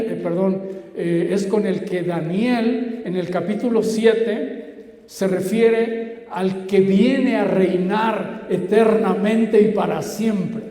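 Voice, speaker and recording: High-voiced, slow-preaching man in an echoey hall. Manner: preaching with swings between loud emphasis and hushed asides. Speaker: pastor. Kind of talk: sermon. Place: church hall.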